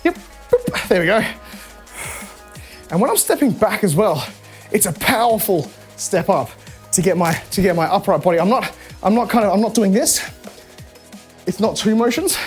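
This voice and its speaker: A fitness instructor leads a home workout, talking the viewers through each move while doing it. The voice sits at a middling pitch and stays chatty and encouraging. Faint music plays underneath. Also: expressive, moderate pace, a little mellow. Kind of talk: coaching a live home workout.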